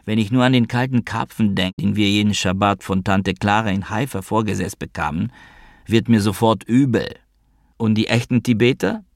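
A man's voice: on the low side, moderate pace, gravelly, dry recording, studio quality. A man voicing an irritable, scornful male monk in a spoken story, talking in a mocking, snapping way. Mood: boastful.

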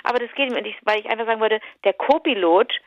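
A woman's voice: fairly high pitch, very fast, no echo, lo-fi sound. A woman co-hosting a casual chat, rambling and restarting her sentences as she tells a story. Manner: chatty, rambling, many restarts. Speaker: podcast co-host. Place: remote, talking over a call.

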